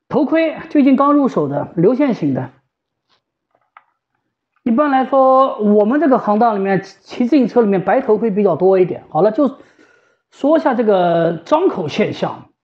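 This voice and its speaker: Speaking at a moderate pace with a fairly high, sing-song voice, this woman, a home ventilator specialist who also staffs a shop, gives an informal expert explanation and repeats phrases to stress her points. The audio is a little dull and lo-fi.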